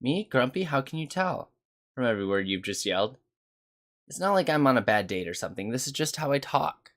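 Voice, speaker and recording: A man reads game dialogue aloud, voicing a short-tempered young female technical consultant who snaps and complains before turning apologetic. His voice is medium-pitched, sing-song and fairly bright, and he speaks fairly quickly. The mood is grumpy.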